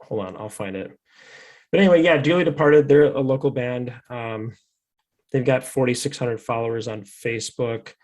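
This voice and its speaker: Casual podcast chat comes from a host based in Fargo, North Dakota, who rambles in an easygoing, jokey style. He has a medium-pitched, slightly mellow voice and talks at a moderate pace.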